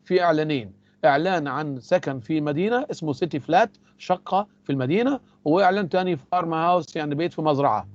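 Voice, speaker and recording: A man with an Egyptian Arabic accent teaching English, explaining phrases in Arabic and repeating the English examples slowly and carefully. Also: on the high side, animated, no echo, lo-fi sound. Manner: repeats key words for emphasis.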